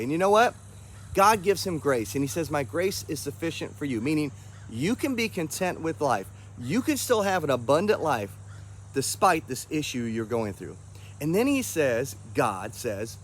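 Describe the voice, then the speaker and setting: A man's voice: on the high side, noisy background. A man giving a short, earnest devotional talk as a pastor, reading scripture aloud and encouraging listeners.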